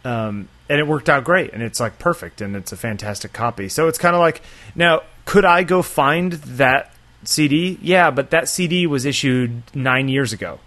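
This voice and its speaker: A man's voice: mid-range voice, moderate pace, fairly bright tone. A middle-aged man co-hosting a podcast, rambling in loose casual chat and swearing offhandedly.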